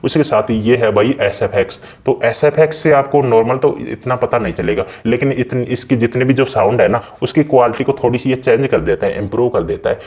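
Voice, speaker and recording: A man's voice: mid-range voice, fairly quick, few pauses, a little mellow. A man hosting a gaming channel, casually walking viewers through a game's settings in a chatty way and often calling them brother. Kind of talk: casual game settings walkthrough.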